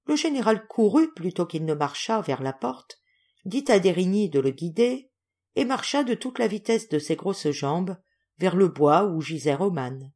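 A woman narrating a classic novel audiobook in a measured, clear storytelling manner. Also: fairly low pitch, lively intonation, darkish tone. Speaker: audiobook reader.

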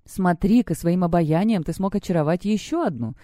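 A woman's voice: on the low side, dark tone, dry recording, studio quality, lightly acted. A woman reading an audiobook, voicing a whiny, hot-tempered teenage schoolgirl. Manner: whining, quick to flare up.

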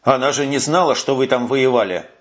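A man voicing a tired, conciliatory man who speaks in a measured, soothing way, on a muffled recording. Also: medium pitch, natural voice. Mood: placating. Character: tired middle-aged man, calm and conciliatory. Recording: muffled lo-fi audio.

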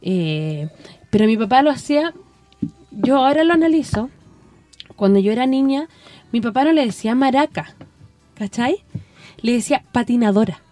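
A middle-aged Chilean woman telling stories on community radio in a casual, animated way, acting out the voices of the people she quotes. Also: on the high side, normal speed, long pauses, no room sound, faint music behind. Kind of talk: casual conversational storytelling.

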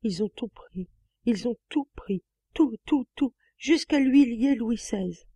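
A man's voice: extremely high pitch, slow, dark tone, slightly rough, no echo, voice pushed up, full character voice. A woman reading an audiobook voices a distraught lady of the house who wails and stammers over her loss. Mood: stammering. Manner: wailing, stammering.

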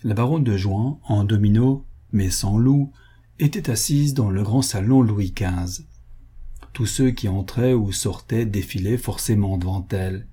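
A man narrating a novel as an audiobook in a measured, even storytelling manner. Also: fairly low pitch, breathy edge.

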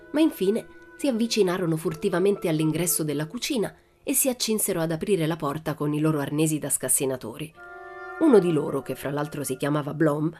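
A woman from Italy reading a children's story aloud, narrating in a lively, expressive way. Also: low voice. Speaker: audiobook reader. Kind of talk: scripted narration.

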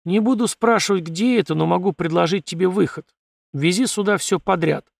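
A man voicing a calm, firm male leader of a valley who speaks bluntly. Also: high-pitched, fairly quick, vocal fry, no echo, pitched above the performer's own voice.

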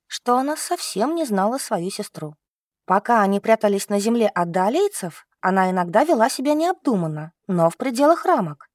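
A woman reads an audiobook with lively, expressive intonation. Her pitch is mid-range and moves a lot. The recording is dry and close. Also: no room sound. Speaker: audiobook narrator. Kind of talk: scripted narration.

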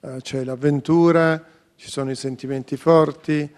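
A man who is a business executive, answering on a radio interview in a measured, thoughtful way, listing his points. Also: on the high side, fairly even intonation, darkish tone.

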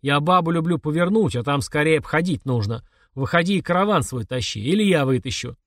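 A man's voice: a little high, animated, brisk, no echo, studio quality. Audiobook: narrator as a loutish boasting guard, near his own voice. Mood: bragging. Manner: crude, bragging.

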